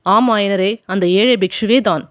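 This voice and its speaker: A woman voicing a gentle male monk disguised as a king, speaking in a calm, measured way in an audiobook. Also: mid-range voice, no room sound, studio quality, lightly acted.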